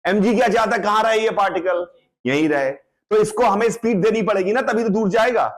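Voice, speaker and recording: A man's voice: high voice, brisk. A man teaching a physics lecture in mixed Hindi and English, explaining step by step and often checking that students follow. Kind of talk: classroom lecture.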